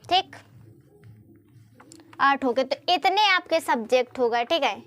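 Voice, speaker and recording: High-voiced woman teaching casually. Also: lively intonation, a little slow, a bit bright. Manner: chatty, repeats and asks rhetorical questions. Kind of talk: motivational study lesson.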